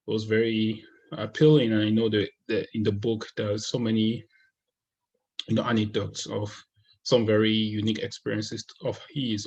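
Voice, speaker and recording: A man from Cameroon talks through his thoughts on a book in a relaxed, unscripted way, pausing often with fillers and restarting sentences. His voice sits low and husky, and his delivery stays fairly flat. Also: poor audio. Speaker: book reviewer. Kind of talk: casual spoken book review. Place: United States.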